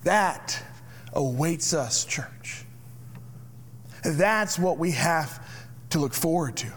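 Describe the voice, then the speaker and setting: A man preaching a sermon as pastor, slow and deliberate, sometimes dropping to a hushed near-whisper. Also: fairly high pitch, expressive.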